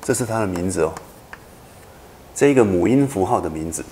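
A male university lecturer explains step by step, repeating key points and checking in with his students. His voice sits a little low. The classroom sounds roomy, with a faint background hiss. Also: lively intonation, moderate pace, mellow. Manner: patient, repetitive explaining with frequent checking questions.

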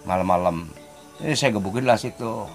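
A man telling his story in casual, lively talk. His pitch leaps upward whenever the story heats up. Faint music plays under his voice. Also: moderate pace. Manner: animated, pitch jumps up when telling the fight. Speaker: interviewee telling of his past crimes.

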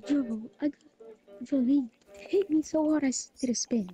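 A woman chatting excitedly while playing a football video game, slangy and boastful about her plays. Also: sits high, normal speed. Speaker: gamer. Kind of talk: casual gaming chat.

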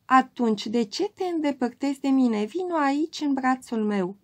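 Woman doing a gentle, coaxing young gentleman. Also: high-pitched, expressive.

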